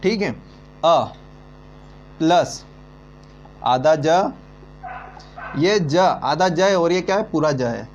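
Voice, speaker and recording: A man teaching an online lesson, talking slowly and answering his own questions as he goes. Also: fairly high pitch, lively intonation. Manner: slow, repeating, asks then answers himself. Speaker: Hindi teacher. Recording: dull lo-fi with mains hum.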